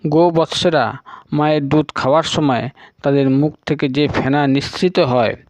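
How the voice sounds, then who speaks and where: A man's voice: a little high, steady tone, a little slow, a little mellow, dry recording, close to an everyday voice. A man voicing a devoted young male disciple, humble, obedient and earnest. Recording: dull lo-fi recording.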